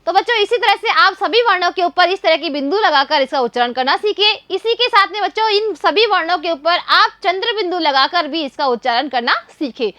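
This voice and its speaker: Woman teacher for young kids, high and bright, patient call-and-response, dry close recording. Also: lively intonation, fairly quick, hardly any pauses, dry recording. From India. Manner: patient, repeats questions and answers for young children. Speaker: primary school teacher. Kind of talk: children's Hindi writing lesson.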